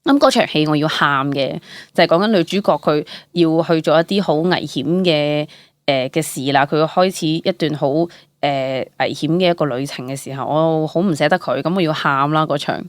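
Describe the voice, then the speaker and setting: Speaking as an interview guest, this young actress chats casually and expressively, her Hong Kong Cantonese accent mixed with occasional English words. She talks at a moderate pace in a low register, and the audio is echo-free.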